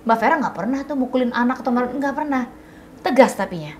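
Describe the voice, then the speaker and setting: A woman's voice: on the high side, expressive, quick pace, a little hiss or hum. Firm, patient middle-aged woman. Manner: firm, explains patiently, mixes in English phrases. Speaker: parenting expert guest. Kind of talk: advice in casual chat.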